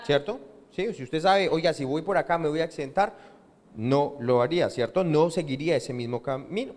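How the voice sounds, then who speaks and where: A man's voice: a little high, moderate pace, a little mellow. A man with a Colombian accent, a pastor preaching a sermon and drawing answers from the congregation with questions. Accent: Colombian Spanish. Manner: call-and-response questions to the congregation. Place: church hall. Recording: church hall with long reverb.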